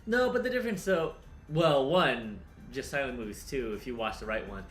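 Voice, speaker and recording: A man's voice: medium pitch, animated, moderate pace, fairly bright tone, echoey room, soft background music. A man in his thirties co-hosting a casual drawing chat, rambling and laid-back, swearing now and then. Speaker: co-host.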